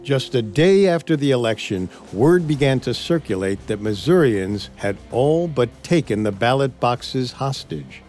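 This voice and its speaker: A man's voice: mid-range voice, a little mellow. A man co-hosting a history podcast, reading a script and voicing quotes with drama. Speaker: podcast co-host. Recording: faint music bed.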